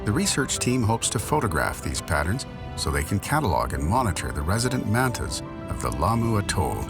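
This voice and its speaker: Low-voiced male nature documentary narrator. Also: big pitch swings, brisk, over loud music.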